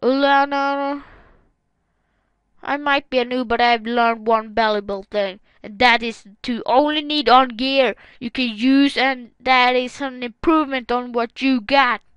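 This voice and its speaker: A woman with a high, smooth and clear voice reads forum comments aloud as a gaming channel host. She adds casual, wry, sarcastic remarks between them, and her voice sounds close and dry. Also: fairly even intonation, measured pace, a bit bright, dry recording, low-quality recording.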